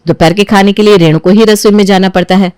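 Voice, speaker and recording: A woman narrating an animated family story in a calm, low-key way. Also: fast talker, clear, resonant tone, dry recording, clean studio sound.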